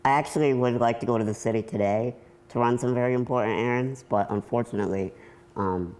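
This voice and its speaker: A man's voice: medium pitch, quick pace, darkish tone. A nineteen-year-old man with an American accent, talking candidly and matter-of-factly in a casual documentary interview style. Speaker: computer programmer telling their own story.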